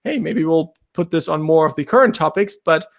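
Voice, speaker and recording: This German podcast host has a fairly high, creaky voice and speaks expressively and a little fast. Chatting casually over a remote recording setup, he comes across as upbeat and rambling, laughing easily.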